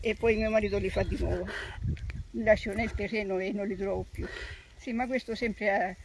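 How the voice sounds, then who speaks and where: A woman's voice: medium pitch, steady tone, normal speed, background noise. An older woman from Sicily with a Sicilian accent, explaining farm work informally in plain, homespun, repetitive phrases. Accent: Sicilian Italian. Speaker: traditional tomato grower. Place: outdoors on a countryside plot.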